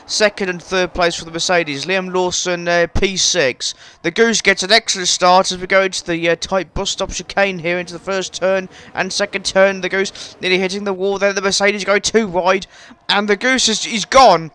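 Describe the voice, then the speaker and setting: Excitable man commentating his race. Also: high voice, smooth, low-quality recording. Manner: swings from halting, filler-laden talk to shouting excitement. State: voice straining from shouting. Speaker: gaming YouTuber commentating his own race.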